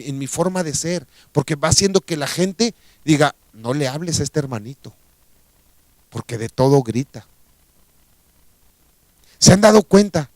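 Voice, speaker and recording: A man's voice: a little high, dry recording. A man with a Mexican accent preaching a radio sermon, telling a story and asking rhetorical questions of his listeners.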